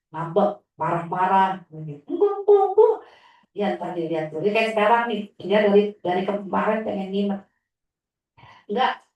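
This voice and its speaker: A woman religious teacher sharing stories about her students, acting out a child's whiny replies. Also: fairly low pitch. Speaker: Islamic teacher. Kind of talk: inspirational sharing talk. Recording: echoey room, distant mic.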